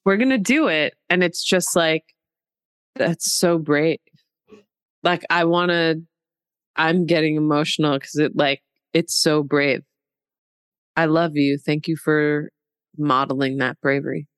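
A woman's voice: deep voice, clean tone, dry recording. A woman podcast guest reading poetry and talking tenderly with her host. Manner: slow and deliberate, tender. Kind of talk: reading a poem, then casual chat.

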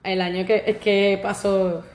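A young woman with a Puerto Rican accent chats easily as a podcast co-host, her voice sitting at an ordinary middle pitch. She laughs often and drops English words into her sentences. The room gives her voice a noticeable echo. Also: little pitch movement, slow, darkish tone. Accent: Puerto Rican Spanish. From Puerto Rico. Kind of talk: casual chat. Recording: roomy echo.

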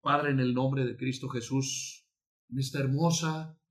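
Man, pastor preaching from the altar, fervent, repeats lines for emphasis, mid-pitched voice. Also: steady tone, measured pace. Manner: emphatic preaching with repetition and sudden loud outbursts. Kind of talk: sermon. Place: church altar.

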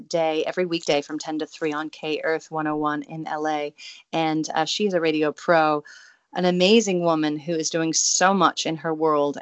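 A woman hosts a radio interview in a bubbly, gushing way, full of fillers and quick laughs. Her voice sits a little low for a woman, and the sound is dry and close, with no room around it. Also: dry recording, highs cut off. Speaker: radio show host. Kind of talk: casual interview.

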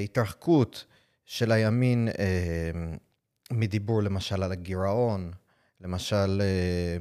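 Casting: male podcast host, lowish pitch, American English accent, halting delivery full of long hesitations. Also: a little mellow. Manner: halting, with frequent drawn-out hesitations. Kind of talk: podcast interview.

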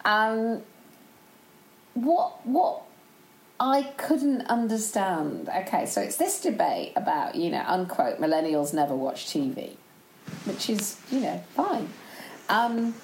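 A woman's voice: medium pitch, very animated, slow pace, darkish tone, reverberant, slight background noise, poor audio. A woman co-hosting a casual chat, rambling and chatty and laughing often. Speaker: podcast co-host.

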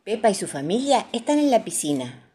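An Argentine woman narrating children's stories with a soft, expressive reading voice. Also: mid-range voice, fairly quick, a little hiss or hum. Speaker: storyteller.

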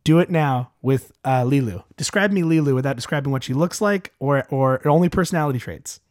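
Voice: mid-range voice, fairly quick, darkish tone, no echo, studio quality. Argumentative voice in movie chat. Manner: argumentative, quizzes co-host. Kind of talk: casual movie review chat.

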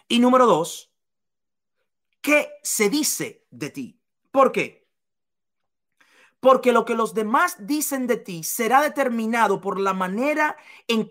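A woman giving a motivational seminar talk to business leaders, emphatic and repeating key phrases to the listener. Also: fairly high pitch.

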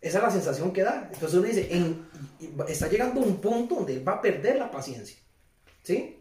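Distant preacher in a roomy hall. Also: male voice, high voice, animated, brisk, a little mellow. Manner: asks the congregation questions, repeats phrases. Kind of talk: conversational sermon.

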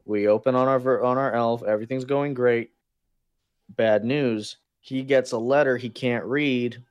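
A man with a mid-range voice chats in a loose, comedic way, often restarting his sentences as he riffs. He sounds animated and playful. The recording is dry and close, with no room echo. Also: mid-range voice, a little slow, smooth, highs cut off. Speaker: podcast co-host. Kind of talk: casual comedic chat.

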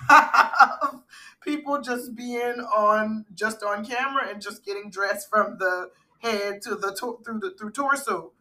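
A woman's voice: mid-range voice, sharp tone. A middle-aged woman co-hosting a podcast in casual chat, rambling with fillers and restarts. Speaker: podcast co-host.

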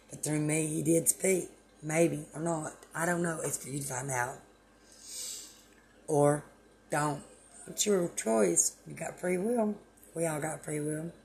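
A woman's voice: low voice, gravelly, dark tone. A woman host delivering a rambling, preachy spiritual monologue on her own channel, meandering and self-deprecating.

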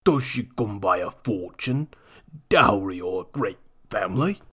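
A man voicing an oily, scarred old sailor with a rough working-class dialect. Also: lowish voice, animated, unhurried, a bit bright, exaggerated voice.

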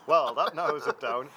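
A man's voice: on the high side, bright, forceful tone. A middle-aged man with a County Durham accent from North East England, bantering casually and jokily. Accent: County Durham, North East English. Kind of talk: casual chat. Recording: noisy outdoor street with traffic.

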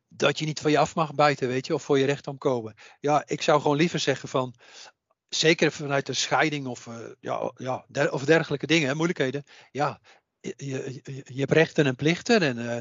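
A man's voice: fairly high pitch, no echo. A man who works as a psychic medium, talking as a podcast guest in an earnest way, often repeating himself to drive a point home. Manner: earnest, repeats phrases while making a point. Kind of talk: casual podcast conversation. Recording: dull, muffled audio.

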